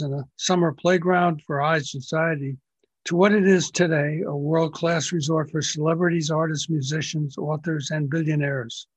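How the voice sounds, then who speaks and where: A man's voice: fairly high pitch, husky, low-quality recording. An older man hosting an interview podcast, reading a scripted introduction and then asking conversational questions. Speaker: podcast host.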